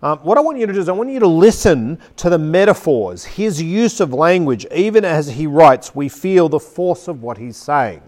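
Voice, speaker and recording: A man teaching a class on preaching, reading a passage aloud with strong emphasis and slowing down on key words. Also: fairly high pitch, sing-song, darkish tone. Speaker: preaching instructor. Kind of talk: teaching talk with a dramatic read-aloud. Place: seated at a chair.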